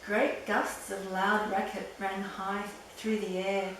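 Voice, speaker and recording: A woman's voice: medium pitch, little pitch movement, slow pace, fairly bright tone. An older woman storyteller reading a children's story aloud expressively. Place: echoey room, away from the mic. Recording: roomy echo, distant mic, faint noise.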